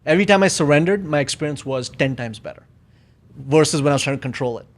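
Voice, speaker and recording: Male guest, reflective and halting, a bit high-pitched, casual chat. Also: expressive. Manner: reflective, searching for words, many fillers. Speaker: podcast guest. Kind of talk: casual conversation.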